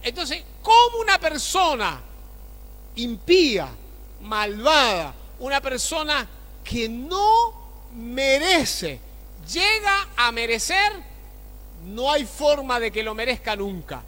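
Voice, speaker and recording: A high-voiced male pastor preaches in a lively, sharp tone. He keeps asking his congregation rhetorical questions, and his voice rings through a church hall with long reverb. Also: slow, long pauses. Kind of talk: sermon.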